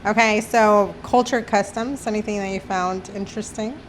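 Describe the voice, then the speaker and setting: A woman co-hosting a casual podcast chat, quietly prompting with short questions. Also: mid-range voice, fairly even intonation, moderate pace, slight background noise, low-quality recording. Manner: soft, brief prompts and questions. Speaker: podcast co-host asking questions.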